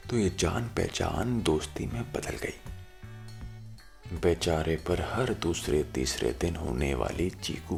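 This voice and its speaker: A man narrating a scripted story dramatically, with deliberate, suspenseful pauses. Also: deep voice, vocal fry.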